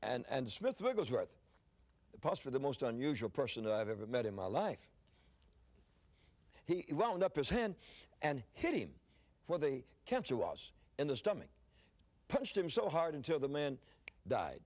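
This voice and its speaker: A man's voice: mid-range voice, sing-song, normal speed, pauses often, a little mellow. An older man preaching, telling a story in a sermon, often repeating words as he starts a phrase.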